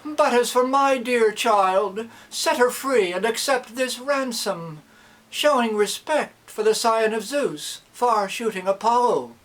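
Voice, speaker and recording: Man acting fervent old priest, high-pitched verse. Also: lively intonation, fairly bright tone, heavily acted, rough recording. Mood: solemn pleading. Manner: declaiming in slow, metered cadence. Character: old priest, pleading father, solemn and fervent. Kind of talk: dactylic verse recitation.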